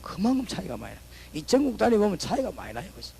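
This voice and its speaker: High, gravelly Busan-accented preacher. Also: male voice, wildly swooping pitch, rapid-fire, dry recording, rough recording. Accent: Gyeongsang (Busan) Korean. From Busan, South Korea. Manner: swings between loud proclamations and chatty, joking anecdotes. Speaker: pastor, guest preacher. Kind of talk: sermon.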